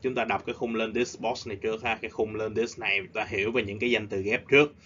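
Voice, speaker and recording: A man teaching an English lesson, explaining at length and slowing down for emphasis. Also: on the low side, flat delivery, a bit bright, a little hiss or hum. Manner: switches between explaining and slow, emphatic drilling. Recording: slightly dull lo-fi audio.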